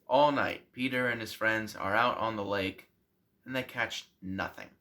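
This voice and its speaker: A man, a pastor, telling a Bible story to children in a slow, deliberate way. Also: medium pitch, sharp tone.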